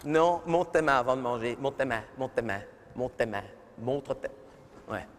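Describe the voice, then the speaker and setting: A man's voice: medium pitch, expressive, normal speed, a little hiss or hum, lightly acted. A man voicing a nagging middle-aged mother who scolds her daughter in a live stand-up sketch, fussing and repeating herself. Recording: reverberant live arena recording.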